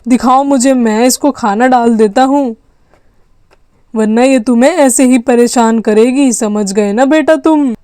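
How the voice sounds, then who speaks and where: A woman's voice: fairly high pitch, a little slow, dark tone, clear, resonant tone, no echo, clean studio sound, close to an everyday voice. A woman playing a weary scolding dad. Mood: cautioning. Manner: fussy, scolding fatherly tone. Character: grown man, tired father of two kids. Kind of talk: doll story role-play.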